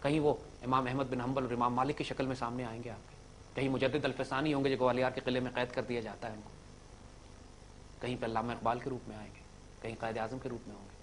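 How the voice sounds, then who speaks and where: A man giving an impassioned lecture to young listeners, swinging from loud emphatic peaks to low drops and mixing in English words. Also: flat delivery, fast talker, a little hiss or hum. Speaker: speaker addressing young listeners.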